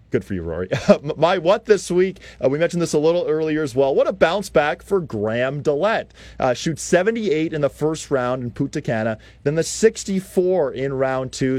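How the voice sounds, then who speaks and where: Man, golf show co-host, upbeat, middle pitch, dry close sound. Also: darkish tone, dry recording. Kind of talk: casual chat.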